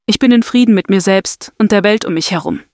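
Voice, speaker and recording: A woman narrating a scripted guided meditation and affirmations in a soft, soothing, deliberate manner. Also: mid-range voice, no echo, clean studio sound.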